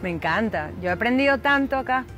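A Venezuelan woman with a Caracas accent, lively and quick to laugh, answering street interview questions in a fairly high voice. The interview is recorded outdoors on a city street, with faint music mixed in. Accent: Caracas Venezuelan Spanish. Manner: animated, laughing. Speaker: singer and singing teacher.

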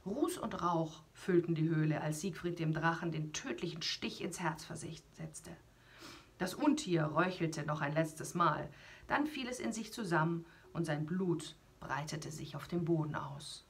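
A woman, a radio host, reading a children's story aloud in an animated way, often whispering and adding little asides to children. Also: lowish voice, slightly rough.

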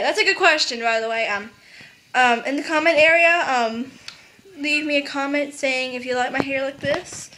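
Hyper high-voiced teen girl vlogging. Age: teens. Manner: hyper, giggly and rambling. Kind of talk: casual chat to camera. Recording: noisy webcam recording.

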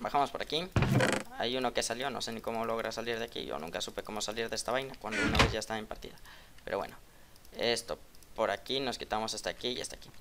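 Guy doing gameplay commentary, trash talks and repeats himself, mutters then yells, loud keyboard clacking. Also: on the low side, heavy background noise. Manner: taunts opponents, repeats phrases over and over; swings from muttering to loud outbursts. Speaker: gaming channel host. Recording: keyboard clicks and typing behind voice.

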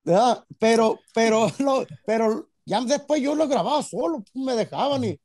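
A man with a Mexican Spanish accent and a high-set voice. He talks in loose, rambling runs full of fillers and tag questions. The sound is close and dry, as if right at the mic. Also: expressive, normal speed, darkish tone, dry recording. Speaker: guest musician. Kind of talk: casual interview chat.

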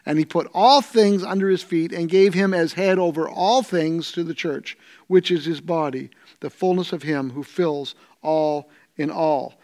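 A man's voice: on the high side, measured pace, darkish tone. Canadian male pastor teaching scripture. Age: middle-aged. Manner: thoughtful, searching for words with fillers and restarts. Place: church studio set, seated in armchair.

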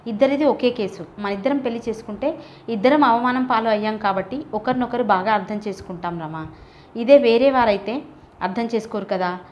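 A woman's voice: fairly high pitch, fairly quick, a little mellow, dull audio, slight background noise, lightly acted. A woman voicing a nervous, scheming young man who coaxes and pleads, in a storybook reading. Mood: persuasive. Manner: coaxing, flustered.

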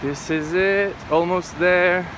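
Travel vlogger, thirties, chatty and thinking aloud, phone at arm's length, noisy outdoor recording. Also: male voice, high voice, steady tone, takes it slowly. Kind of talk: casual vlog talk to camera. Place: outdoors on rural roads and by a waterfall. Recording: loud traffic and outdoor noise.

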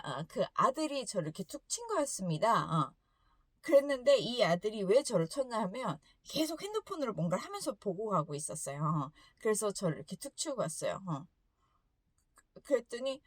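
A woman hosting an English lesson, telling a story in a casual, animated way and laughing often between sentences. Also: mid-range voice, dry recording. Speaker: English teacher and host.

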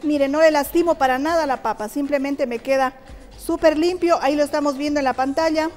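A middle-aged woman with a bright, high voice teaches a cooking segment in a TV studio kitchen. She chats to viewers and walks through each technique step by step. Soft music plays faintly behind her. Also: fairly even intonation, a little fast. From Ecuador. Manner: chatty, explains technique step by step, addresses viewers directly. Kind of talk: cooking show demonstration.

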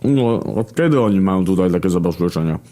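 A man voicing Famine, a calm, matter-of-fact male horseman who swears without alarm. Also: sits low, fairly quick. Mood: dry. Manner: flat, unbothered, swearing.

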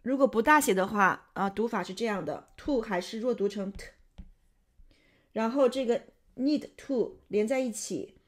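A woman's voice: fairly high pitch, moderate pace. Woman explaining pronunciation step by step. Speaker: host and pronunciation tutor.

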